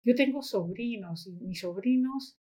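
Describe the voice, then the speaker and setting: A woman speaks as a podcast guest. Her voice is husky and slightly breathy at a medium pitch. She tells stories in a loose, chatty way and keeps adding little questioning tags. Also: unhurried, warm tone. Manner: anecdotal, tags sentences with questioning asides. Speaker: guest, educator and activist. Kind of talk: casual podcast conversation.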